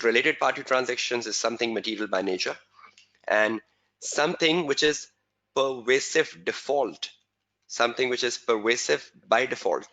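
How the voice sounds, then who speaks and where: Bright-voiced male tutor. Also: medium pitch. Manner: repeats key phrases slowly for emphasis; answers chat questions by name. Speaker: exam tutor. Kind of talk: webinar exam lesson.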